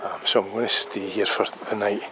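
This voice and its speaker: A man's voice: fairly low pitch, little pitch movement, a little fast, highs cut off, background noise. A man narrating a casual travel vlog, musing aloud with frequent ums and restarts as he drives and walks around a town. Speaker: travel vlogger. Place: on the road and outdoors in a small town.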